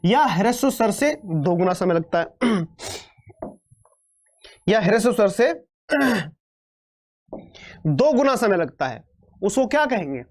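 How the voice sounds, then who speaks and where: A man's voice: sits high, sing-song, slow, pauses often. A man teaching an online exam-prep grammar class, chatty and joking, calling students beta and repeating terms back as questions. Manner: playful and chatty, calls students beta, throws in jokes; repeats terms and quizzes the viewers. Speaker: Hindi teacher.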